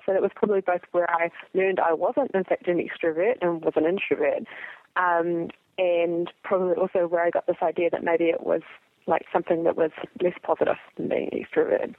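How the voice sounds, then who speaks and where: A woman's voice: fairly low pitch, dry recording. A woman from New Zealand with a New Zealand accent, a psychologist answering interview questions in a chatty way, full of ums and likes, over a call. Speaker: podcast guest, psychologist. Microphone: phone or call line. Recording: tinny phone-line audio, dry.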